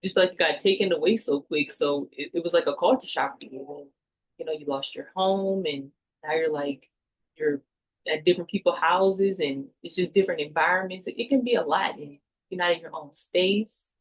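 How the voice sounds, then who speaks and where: A woman playing a calm, sympathetic counselor in a mock session, reflecting back hesitantly like a therapist. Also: lowish voice, normal speed, slightly rough, poor audio. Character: calm, sympathetic counselor listening to a client in crisis. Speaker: counselor in a role play.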